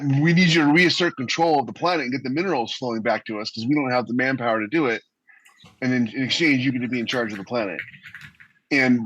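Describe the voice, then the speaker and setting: A podcast co-host with a mid-range, fairly bright voice tells stories in casual conversation. The recording sounds close and slightly dull.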